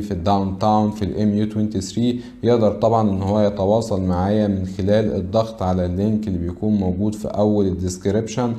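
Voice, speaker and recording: Fast-talking Egyptian man, businesslike. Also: lowish voice, warm tone. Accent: Egyptian Arabic. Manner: brisk, businesslike, lists figures with frequent "uh" fillers. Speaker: real estate consultant. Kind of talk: informational presentation to camera. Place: indoor studio with backdrop.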